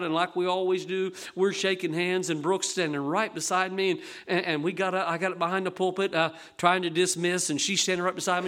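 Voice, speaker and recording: A male pastor preaching a sermon in a church, lively and folksy, acting out the voices of people in his stories. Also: sits high. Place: church sanctuary.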